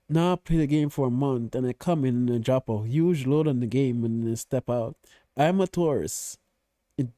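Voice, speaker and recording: A man with a soft-edged, mellow voice gives casual reaction commentary. He is opinionated and blunt, peppering his talk with profanity. The sound is dry, with hardly any room to it. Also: mid-range voice, no echo. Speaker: reaction video host.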